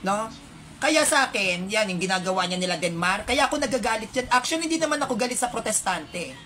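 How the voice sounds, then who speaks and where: A woman's voice: mid-range voice, animated, a little fast, bright, forceful tone. A woman with a Filipino accent, delivering an indignant, heated monologue to her viewers with rhetorical asides.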